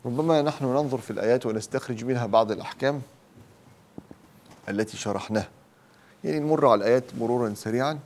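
A man teaching tajweed rules, explaining each rule and then slowly reciting the verse examples. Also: medium pitch, a little mellow.

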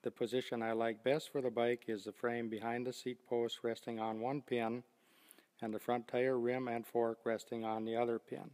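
An older man giving a steady, scripted step-by-step demonstration of loading bikes onto a rack. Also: medium pitch, moderate pace, long reverb tail. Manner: steady, methodical step-by-step explaining. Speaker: product demonstrator. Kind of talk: scripted instructional narration.

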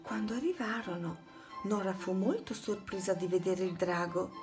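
A woman narrating a children's storybook in an expressive read-aloud voice, leaning into the dramatic moments. Her pitch sits in an ordinary middle range. Faint music plays softly behind her. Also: moderate pace.

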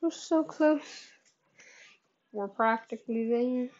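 A woman's voice: a little high, slow, a little mellow, dull audio. A woman hosting a live gaming stream, chatty and upbeat, heard through livestream headset mic audio. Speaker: livestream host.

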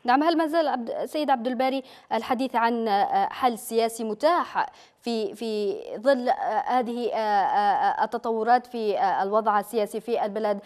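A woman hosting a live TV news interview from a studio, asking questions quickly with many hesitant fillers. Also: on the high side, a little mellow. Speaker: news host.

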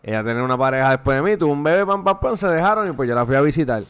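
A man's voice: fairly high pitch, lively intonation, very fast, clean tone. A man, co-hosting a podcast and telling crude, joking anecdotes. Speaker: podcast co-host. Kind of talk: casual chat.

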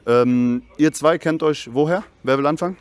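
A man's voice: on the high side, moderate pace, clear, resonant tone. A man hosting a casual interview, slangy and chummy, firing off questions. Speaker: interviewer host.

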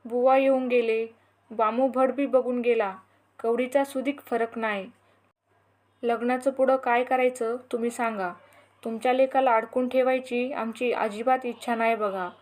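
A woman's voice: on the high side, fairly even intonation, measured pace, darkish tone, natural voice. A woman voicing a worried village father who pleads with the headman in rural village speech. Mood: pleading.

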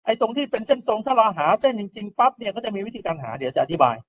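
A male lecturer walks through engineering graphs in a relaxed, step-by-step way. He often checks his listeners are following. His voice sits somewhat high, and the recording sounds dull and lo-fi, as if it came from a basic computer mic. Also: rapid-fire. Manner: explains step by step, often asks "right?" and adds polite particles.

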